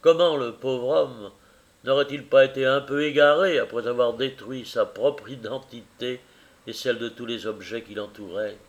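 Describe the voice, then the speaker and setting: A man narrating a classic novel as an audiobook, in a measured, expressive reading. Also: mid-range voice, muffled recording. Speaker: audiobook reader.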